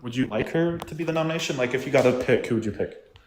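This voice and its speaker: Male caller on a laggy video call, mid-pitched, casual and halting, faint hiss behind him. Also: darkish tone. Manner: hesitant, leans on "like" fillers. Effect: heard over a lagging video call. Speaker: caller debating the host. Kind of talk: casual debate.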